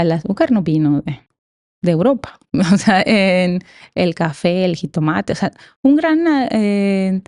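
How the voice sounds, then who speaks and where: A Mexican woman speaks as an expert guest in a podcast interview, with a mellow, warm timbre at a middling pitch. Her explanations are conversational and emphatic, often framed as questions, and the sound is dry, without room echo. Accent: Mexican Spanish. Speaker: academic guest.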